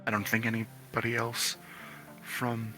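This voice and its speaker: A man's voice: medium pitch, completely flat delivery, measured pace, bright, forceful tone, faint music behind. A man voicing his player character, a young woman who is polite, self-effacing and hesitant.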